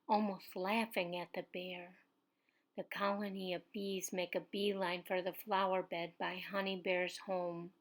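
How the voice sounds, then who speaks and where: Slow, soft-spoken woman reading a story. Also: on the low side, vocal fry. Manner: slow, soft, sometimes whispering. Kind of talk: reading a children's story aloud.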